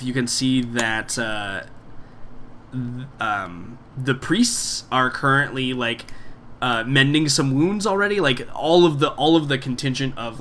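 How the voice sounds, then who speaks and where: Man running the game, bright tone, loose rambling narration, light background noise. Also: mid-range voice. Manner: rambling, full of fillers. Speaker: game master.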